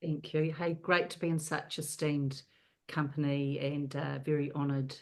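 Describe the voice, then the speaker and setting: Very low, slow New woman. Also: little pitch movement. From New Zealand. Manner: measured, pausing often. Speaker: panel guest. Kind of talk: slow personal testimony on a video call. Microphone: video call.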